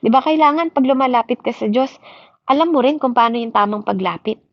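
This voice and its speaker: Female preacher, a little high, code-switching sermon full of "di ba?" checks; dry, muffled audio. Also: brisk, no room sound. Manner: mixes English into Tagalog, keeps asking "di ba?". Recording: dry, slightly dull recording.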